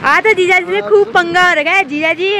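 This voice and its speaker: A woman's voice: very high-pitched, normal speed. A woman hosting a casual family vlog, chatty and teasing, talking to her viewers. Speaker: vlogger host. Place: family home in the hills, rainy day. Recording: busy household chatter behind.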